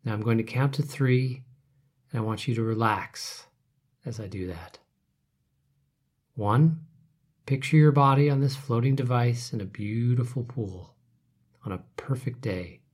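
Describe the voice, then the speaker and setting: A man leading a guided relaxation meditation, speaking softly and calmly, his phrases trailing off into whispers. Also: mid-range voice, measured pace, pauses often, husky. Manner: soft, calm, trailing off to whispers.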